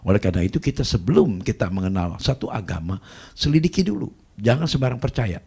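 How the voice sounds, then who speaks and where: A man preaching a sermon as pastor, telling a story and acting out the other people's lines in loud raised bursts. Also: on the low side, very animated, quick pace, gravelly, breathy edge. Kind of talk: sermon with acted-out dialogue.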